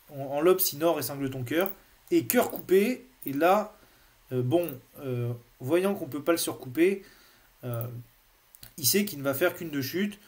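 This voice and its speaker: A man with a slightly high voice walks through card play in an unscripted lesson. He hesitates often, filling pauses and restarting sentences as he thinks aloud. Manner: hesitant, many "euh" fillers and restarts. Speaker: bridge teacher. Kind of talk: unscripted instructional explanation.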